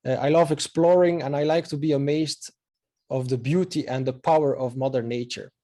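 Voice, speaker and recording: A Belgian photographer in his thirties, a native Dutch speaker with a Belgian Dutch accent, gives an online presentation. His voice sits on the high side with fairly even intonation, normal speed, and a warm tone, and he comes across as hesitant and earnest, using many filler sounds.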